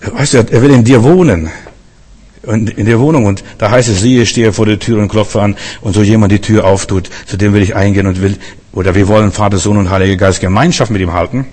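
Husky-voiced preacher in a reverberant hall. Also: male voice, lowish voice, fairly even intonation, fairly quick, a little mellow. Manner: fervent, repetitive preaching with frequent rhetorical questions. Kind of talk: sermon.

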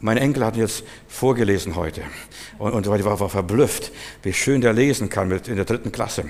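An older man preaching a charismatic sermon, dropping to quiet, low asides and then rising to loud, forceful commands. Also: moderate pace, in a large hall.

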